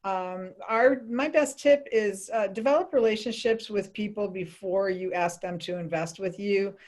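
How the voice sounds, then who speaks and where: A woman attorney introducing herself on a panel, friendly and businesslike, spelling out her contact details slowly. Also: mid-range voice, darkish tone. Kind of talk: brief panel introduction and advice.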